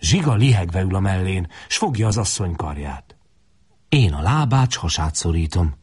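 A male narrator reading a story aloud with a husky, fairly low voice. His delivery is expressive and lively in pitch, now rising with action, now dropping to a hush. Dramatic audiobook style. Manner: expressive, dropping to hushed tones in intimate passages.

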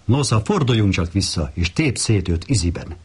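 A man voicing a sly male fox in a read-aloud fable, husky and coaxing. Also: on the low side, animated, darkish tone. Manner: coaxing, knowing.

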